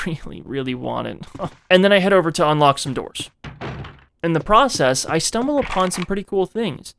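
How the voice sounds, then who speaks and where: In a dry recording, a man with a fairly high-pitched voice narrates a video game playthrough in a dramatized, scripted style. He's theatrical, breaking off into casual, profane, jokey asides to the viewer.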